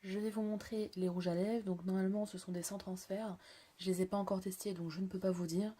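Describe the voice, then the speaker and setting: A woman's voice: medium pitch, fairly even intonation, brisk, dark tone, slightly rough. A woman vlogger casually walking through a haul of products and their prices, chatty with frequent fillers. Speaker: beauty vlogger.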